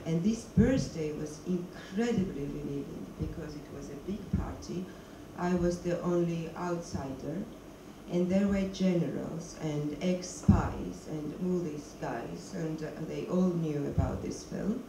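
Seated low on a screening-hall stage, a middle-aged documentary filmmaker answers Q&A questions as a guest through a handheld mic. Her voice is gravelly and creaky, and as a non-native speaker she often stops to search for English words. The sound is echoey and noisy, captured from a distance.

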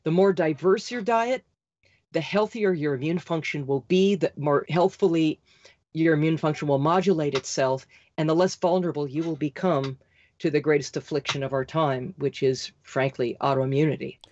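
Rapid-fire, insistent woman guest. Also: low voice, a little mellow, highs cut off, a little hiss or hum. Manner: insistent, rapid, talks like an auctioneer. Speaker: podcast guest. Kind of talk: fast, emphatic interview talk.

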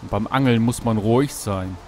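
A man casually commenting on his gameplay while fishing, talking to himself, greeting animals in the game, and yelping excitedly at each catch. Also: lowish voice, moderate pace. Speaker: Let's Play host. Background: background game music.

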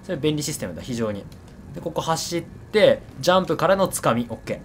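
Guy streaming a game, talks fast, repeats himself, very up and down voice. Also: fairly high pitch, sing-song, slight background noise. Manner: chattery, repeats words, self-mocking. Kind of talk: casual running game commentary.

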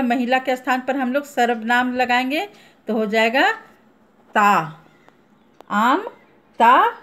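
A woman school teacher giving an online grammar lesson, explaining each answer step by step and asking the pupils questions. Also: on the high side.

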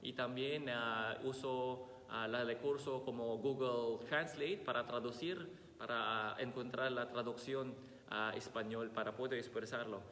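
A Filipino priest in his thirties, whose first language is Tagalog, has a slight cold as he reads the Gospel and gives a homily at Mass, seated at the altar of a large church. His mid-range, fairly bright voice stays steady, but he speaks slowly and haltingly, with many pauses and "ah" fillers while searching for words. A fixed camera across the altar captures long, echoey church reverb with a little hiss or hum.

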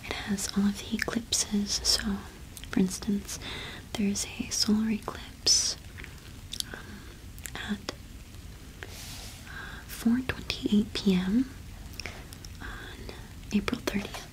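In a gentle ASMR roleplay with a halting pace, a young adult woman takes the part of a cottage witch shopkeeper. She whispers softly and breathily near the mic, her mid-range voice showing little pitch movement, over poor audio.

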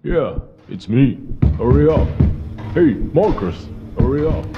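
A man's voice: mid-range voice, very animated, takes it slowly. A man voicing a possessed man outside a closed door, muffled through it and insistently repeating his pleas. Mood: frantic. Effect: muffled voice calling through a closed door. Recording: dull muffled sound with loud music.

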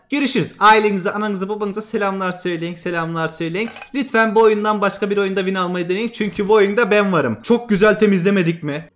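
A young man hosting a mobile shooter channel, giving excitable, trash-talking live commentary that swings between loud outbursts and muttering. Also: high voice. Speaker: gaming channel host.

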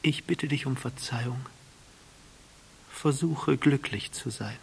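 A proud, delicate flower with a tender but vain heart, speaking up high and louder than the storyteller around it, as a male narrator puts her on. The voice has a gravelly, husky grain beneath its raised pitch, in the manner of a storybook audiobook. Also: slow, full character voice. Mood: contrite. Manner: pleading, high and emphatic. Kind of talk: audiobook reading.

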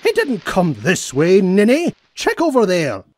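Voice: medium pitch, wildly swooping pitch, unhurried, noisy background. A performer voicing a cantankerous, scolding old male duck, a rich miser in a cartoon comic dub. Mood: bossy, scolding. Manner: gruff, scolding, insulting. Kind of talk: amateur comic dub acting.

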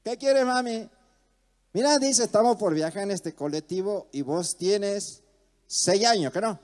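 High-voiced comedian telling a story. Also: male voice, animated, moderate pace, darkish tone. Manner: tells a joke as a story with acted dialogue. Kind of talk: live stand-up storytelling.

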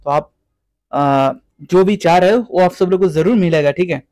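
A young man from West Bengal talks casually through a video tour of his fish farm. His voice sits a little high, and he keeps dropping English words and a running "theek hai" into his Hindi. The sound is close and dry. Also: normal speed, a little mellow, dry recording. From West Bengal, India. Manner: chatty, repeats "theek hai" often. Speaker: guppy breeder and seller. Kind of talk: casual vlog walkthrough.

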